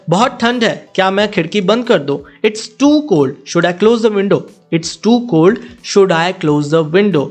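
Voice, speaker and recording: Male language teacher, high voice, slow drilling delivery, repeats each line twice, faint music behind. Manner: says each English sentence twice, slowly and deliberately. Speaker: English teacher.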